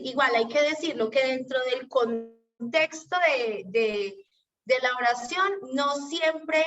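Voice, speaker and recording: A high-voiced woman with a Colombian accent teaches over a video call, patient and explanatory, often checking whether the class is following. She sounds set back from the microphone, and the audio is dull and muffled. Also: a bit bright, distant mic. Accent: Colombian Spanish. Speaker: teacher leading an exam-prep class.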